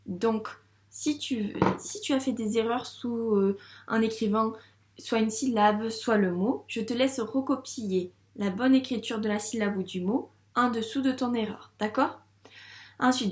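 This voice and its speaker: A woman teacher with a French accent, slowly and patiently sounding out syllables in a dictation lesson for a young child. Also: a little high, a little mellow. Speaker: first-grade teacher. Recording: echoey room sound.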